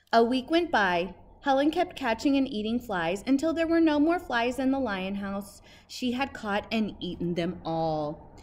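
A woman in her thirties with a mid-range voice reads a picture book to children, expressive and emphatic like a teacher, stopping now and then to ask questions. She is outdoors by the entrance of a brick building, with faint outdoor noise in the background.

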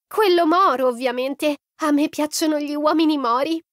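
A woman's voice: high voice, moderate pace, dry recording, clean studio sound, voice pushed up, natural voice. A woman voicing a bubbly, vain teenage girl who talks in a gushing, showy way.

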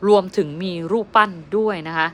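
A woman touring a temple on camera, explaining each spot with a friendly guide tone and soft polite endings. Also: medium pitch, steady tone, normal speed. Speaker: travel vlogger guiding a temple visit. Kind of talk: casual travel vlog narration. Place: outdoor temple grounds. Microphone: handheld phone camera. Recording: noisy outdoor ambience with passing vehicles.

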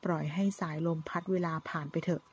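Hurt young guy giving up, woman doing him, weary and low, husky. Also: little pitch movement, fast talker, heavily acted. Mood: resigned. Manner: weary and resigned. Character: badly hurt young man, resigned.

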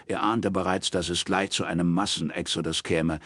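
A man reading a crime novel aloud as scripted narration, in a steady storytelling manner. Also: low voice, moderate pace, dry recording, studio quality. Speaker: audiobook reader.

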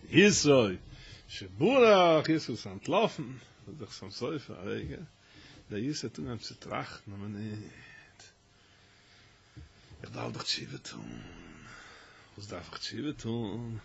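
A man giving a Torah lesson as a rabbi, telling stories with halting restarts and rising to loud, emphatic stretches. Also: lowish voice, animated, gravelly. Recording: dull lo-fi recording with faint noise.

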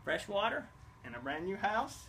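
A middle-aged man gives a cheerful walking tour outdoors, thanking donors and explaining what he shows. His voice sits high and sounds bright and forward. A faint hiss of outdoor noise runs under it. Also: sing-song, normal speed, creaky. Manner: enthusiastic, grateful, explaining as he walks. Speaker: charity representative. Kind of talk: casual vlog tour. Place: outdoors at a village well and a small new house.

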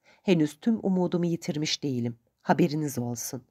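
A woman's voice: sits low, a little fast, mellow. A woman reading the lines of an earnest young man who pleads and apologizes.

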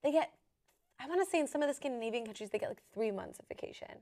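A woman's voice: sits high, expressive, racing, noisy background. An American woman talking casually with lots of "like," played back sped up so she sounds like a chipmunk. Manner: chatty, uses "like" as filler. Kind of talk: casual explainer talk.

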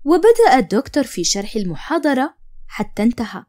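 Higher-voiced woman narrating a story. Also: big pitch swings, fast, darkish tone.

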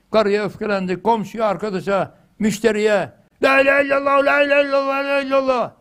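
Older male religious teacher, higher-pitched voice, storytelling lesson with loud chanted emphasis. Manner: lively storytelling, chanting phrases loudly for emphasis.

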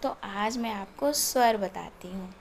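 A woman teaching young children the vowels, reciting each sound in a slow sing-song voice. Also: mid-range voice, slight background noise.

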